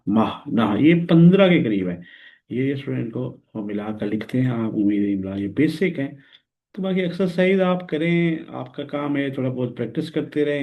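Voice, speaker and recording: A man from Pakistan teaching a recorded grammar lesson, explaining step by step and repeating words slowly and patiently. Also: mid-range voice, mellow. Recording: tinny phone-like audio.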